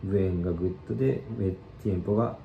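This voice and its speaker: A man giving a casual language lesson, explaining slowly and loosely with many fillers. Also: deep voice, gravelly, reverberant, narrow, tinny audio, slight background noise. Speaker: Spanish teacher.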